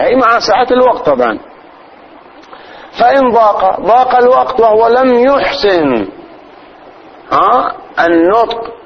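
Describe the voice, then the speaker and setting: Sheikh teaching a lesson, repeats stuff, muffled recording with faint hiss. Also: male voice, a little high. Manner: explains slowly, repeats phrases and demonstrates pronunciation. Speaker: sheikh teaching religious law. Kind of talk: religious lesson.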